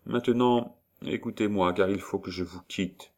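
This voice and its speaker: A man's voice: lowish voice, fairly even intonation, moderate pace, natural voice. A man voicing a dignified noble father who speaks earnestly and with emotion, in a storybook reading. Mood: solemn, tender. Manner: earnest, gently solemn.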